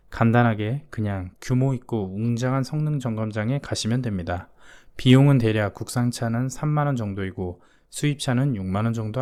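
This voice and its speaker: A man's voice: lowish voice, darkish tone. A man narrating a scripted explainer voice-over in a casual, self-mocking way with blunt asides. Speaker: YouTuber explaining used-car warranty insurance.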